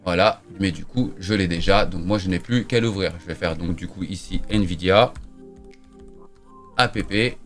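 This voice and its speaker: A man's voice: low-pitched, normal speed, faint music behind. Chatty man walking through a tutorial. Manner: chatty, repeats "voilà" and "donc", emphatic asides. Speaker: tech youtuber. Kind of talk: casual screen-recorded tutorial.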